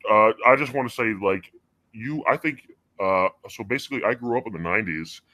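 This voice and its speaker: A male caller in his forties speaks through a voice changer that pitch-shifts him into a deep, artificial register, with a sharp tone and a dry, close sound lacking any room ambience. In this casual call-in chat he rambles in halting bursts, full of fillers and offhand swearing.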